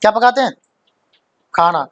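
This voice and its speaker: A man's voice: sits high, expressive, moderate pace, a bit bright, muffled recording. A male teacher giving a vocabulary lesson, who asks questions and then answers them himself, repeating the key words for emphasis.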